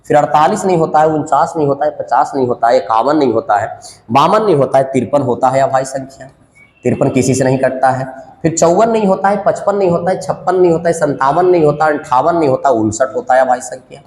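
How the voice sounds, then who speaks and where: A man's voice: fairly high pitch, fast talker, a little mellow. A man teaching a math lesson for exam prep, working through sums aloud in a sing-song counting patter. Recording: echoey room with long reverb.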